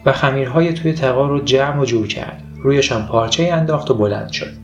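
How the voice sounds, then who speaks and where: A male storyteller with a gravelly, creaky voice at an ordinary middle pitch reads a story calmly. Faint music plays softly beneath his narration. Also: dull audio. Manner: calm storybook reading. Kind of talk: scripted narration.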